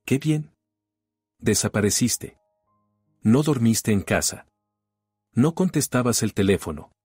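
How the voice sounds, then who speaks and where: A man's voice: medium pitch, expressive, slow pace, a little mellow, slightly rough, dry recording, clean studio sound, faint music behind. A man voicing a cheating husband who turns agitated and defensive, his voice climbing when pressed. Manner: agitated, pleading, raised voice.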